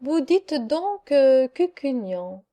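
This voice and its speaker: A woman reading an audiobook voices a solemn angel who keeps the records, speaking gravely in a measured, somewhat weary way. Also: high voice, sing-song, warm tone, heavily acted. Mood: questioning. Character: solemn angel with dark wings, record keeper.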